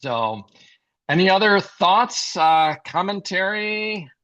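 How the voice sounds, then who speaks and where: A man hosting a casual podcast over a video call who talks in a relaxed way and laughs easily. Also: high-pitched, slow, lo-fi sound. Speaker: host.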